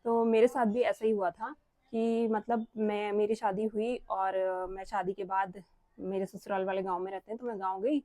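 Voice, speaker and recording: A woman's voice: mid-range voice, flat delivery, normal speed, mellow, no room sound. A young woman from Uttarakhand, vlogging at home, chatty and earnest, pressing her points with rhetorical questions. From Uttarakhand, India. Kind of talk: casual vlog talk to camera.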